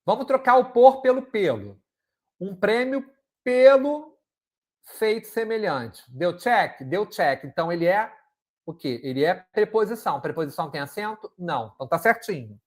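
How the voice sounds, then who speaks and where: A man's voice: high-pitched, very animated, fairly quick, darkish tone. A Brazilian man teaching a Portuguese exam-prep lesson, explaining answers step by step and asking the students rhetorical questions. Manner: didactic, checks in with frequent "ok?" and rhetorical questions.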